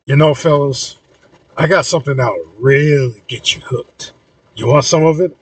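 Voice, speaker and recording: A man's voice: on the high side, normal speed, slightly rough, no room sound. Tough young woman, voiced by a man. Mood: sly. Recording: voice a bit far from mic.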